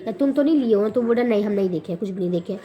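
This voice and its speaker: A young woman vlogger telling a long story in a casual, animated way, correcting herself as she goes. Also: mid-range voice, racing, lo-fi sound. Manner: animated, rambling retelling with self-corrections.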